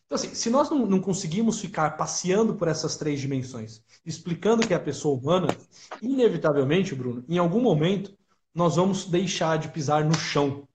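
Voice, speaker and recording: A middle-aged Brazilian man, a guest on a live talk, explaining ideas in a measured, lecturing way. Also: a little high, expressive, a little mellow. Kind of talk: reflective conversational explanation.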